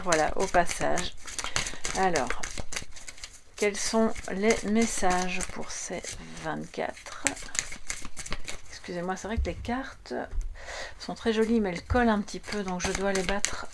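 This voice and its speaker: A woman with a French accent giving a tarot reading, talking softly and hesitantly, with many fillers and restarts. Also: medium pitch, background noise. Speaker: tarot reader. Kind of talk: spoken tarot card reading.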